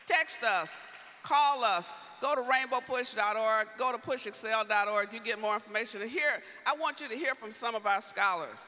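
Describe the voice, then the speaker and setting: High, bright-voiced man rousing a crowd. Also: normal speed. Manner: rousing, repeated rhetorical questions. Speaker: speaker for the organization. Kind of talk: impassioned appeal. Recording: long hall reverb.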